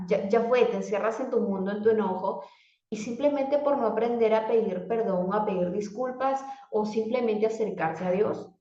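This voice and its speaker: A woman speaks as a motivational coach, answering questions she puts to herself by name and often restarting her sentences. Her voice sits a little high. The sound is muffled and echoes around the room. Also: a little mellow. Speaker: life coach. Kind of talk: motivational talk to the viewer.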